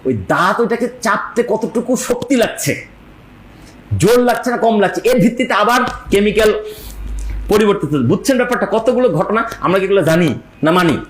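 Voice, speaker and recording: Emphatic high-voiced man, fast and echoey. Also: animated. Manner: emphatic, repeats words for stress, asks rhetorical questions. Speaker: health speaker. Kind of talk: emphatic lecture-style talk. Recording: echoey room with faint background noise.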